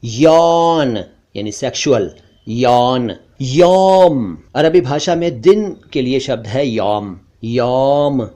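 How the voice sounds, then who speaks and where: Slow, deliberate male pronunciation teacher. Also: mid-range voice, dark tone. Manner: slow, deliberate word-by-word drilling, contrasting wrong and right forms. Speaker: language teacher. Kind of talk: pronunciation lesson.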